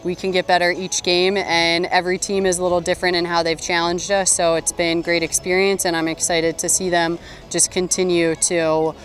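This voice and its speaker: A woman coach giving a postgame interview outdoors at a stadium, speaking into a handheld mic in a measured, upbeat way with frequent ums. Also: lowish voice, flat delivery. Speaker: head coach. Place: outdoor stadium by a sports field. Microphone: handheld interview mic held in front.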